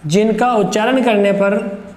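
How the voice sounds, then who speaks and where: A man teaching Hindi grammar for exam preparation, slowly and emphatically, repeating key terms. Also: high voice, fairly even intonation, darkish tone. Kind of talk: exam-prep grammar lesson. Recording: echoey room with long reverb.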